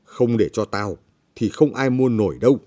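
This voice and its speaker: A man's voice: fairly low pitch, lively intonation, normal speed, dark tone. A man voicing a bullying, greedy village official who talks down harshly and scornfully. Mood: greedy, contemptuous.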